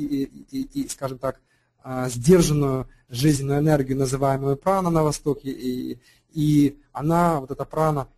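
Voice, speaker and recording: A man speaks off the cuff as an alternative health practitioner, his voice mellow and dark in tone at a middling pitch. He hesitates often, filling gaps and restarting phrases as he explains. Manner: hesitant, many fillers and restarts. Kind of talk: unscripted explanatory talk.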